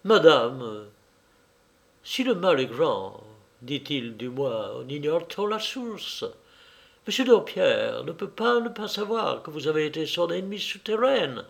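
A man's voice: on the high side, sing-song, measured pace, creaky, heavily acted. A man voicing a timid, pious elderly clergyman who speaks with solemn humility. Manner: humble, solemn.

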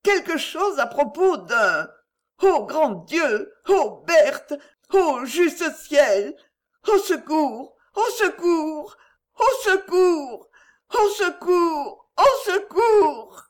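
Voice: mid-range voice, animated, measured pace, few pauses, pitched above the performer's own voice, natural voice. A narrator voicing a timid young woman who panics easily and speaks in broken, breathless phrases, in an audiobook reading. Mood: panicked screaming.

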